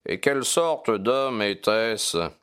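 A man doing Sherlock Holmes, crisp and impatient. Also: lowish voice, expressive, slow pace, a bit bright, voice pushed up. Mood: probing. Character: sharp impatient male detective, brisk and commanding. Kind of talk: audiobook reading.

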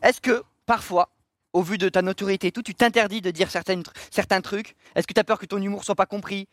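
Teasing male co-host, high voice, very fast, dry mic. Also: fairly even intonation, fairly bright tone, dry recording. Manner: teasing, joking, rapid. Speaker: co-host interviewer. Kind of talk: casual interview chat.

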